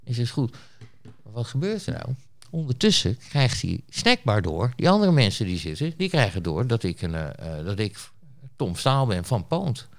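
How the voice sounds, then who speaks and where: A man in a casual interview, talking at an ordinary middle pitch. He tells his stories bluntly and rambles, often stopping to restart a sentence or to fill a pause. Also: sing-song. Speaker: interview guest, street reporter. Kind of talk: casual storytelling.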